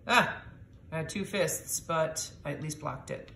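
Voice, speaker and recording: Woman, middle-aged, low voice, casual game-play host who explains rules aloud and reacts with quick little exclamations. Roomy home recording. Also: gravelly, noisy background. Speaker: host playing a board game with her daughter.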